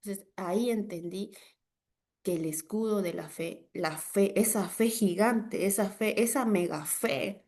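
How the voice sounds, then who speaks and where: Woman preacher, Peruvian accent, middle-aged, fervent prayer declarations, loud emphatic bursts. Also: mid-range voice, a little slow. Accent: Peruvian Spanish. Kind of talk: sermon.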